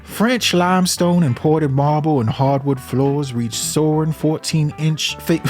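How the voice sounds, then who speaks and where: Man doing put-on Southern accent, grandiose sing-song reading, higher pitch, faint background music. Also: measured pace, a little mellow, natural voice. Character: showy Southern man reading a luxury listing.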